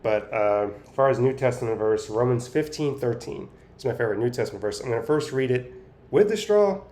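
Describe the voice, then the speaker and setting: A man giving a casual, halting personal update, with effortful, impaired articulation as he talks biting down on a straw held in his teeth. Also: medium pitch, lively intonation, a little mellow. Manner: talking through clenched teeth, biting on a straw. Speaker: vlogger sharing speech progress.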